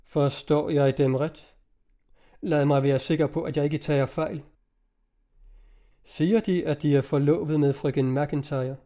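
A man's voice: a little high, fairly even intonation, long pauses, warm tone, natural voice. A man reading aloud, voicing a heartbroken grown man with a trembling voice in an old-fashioned storybook. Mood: shaken.

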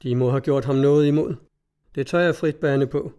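A man reading the part of a hot-tempered cutter skipper who barks orders in a gruff, blunt way. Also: medium pitch, fairly even intonation, warm tone, close to an everyday voice. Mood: gruff, scornful.

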